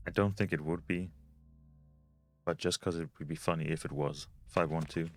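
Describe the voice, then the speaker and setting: A man's voice: very deep voice, fairly even intonation, moderate pace, faint music behind. A man giving casual let's play commentary, thinking aloud as he goes, with game sound behind him. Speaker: gamer.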